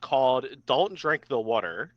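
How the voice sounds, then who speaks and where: Very animated yet a touch slow, a young podcast guest with a fairly bright mid-range voice reminisces casually, peppering his talk with "like." The recording is dry with no echo, from a slightly dull podcast mic.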